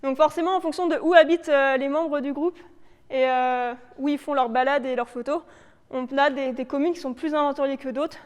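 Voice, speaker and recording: For a local authority biodiversity project, a high-voiced woman gives an informal slide presentation to a live audience, her explanations hesitant and loosely improvised. She speaks briskly in a steady tone. The reverberant indoor meeting room makes it sound like an echoing hall.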